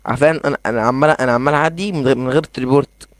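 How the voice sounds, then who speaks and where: A young man with an Egyptian accent giving excitable, rambling commentary as he plays a game in his bedroom. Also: mid-range voice, no room sound. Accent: Egyptian Arabic. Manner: excitable, rambling, quick asides. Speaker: gaming YouTuber. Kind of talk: casual gameplay commentary.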